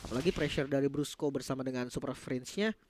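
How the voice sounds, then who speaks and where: An Indonesian-accented man giving live commentary as an esports shoutcaster. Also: medium pitch, quick pace, no room sound.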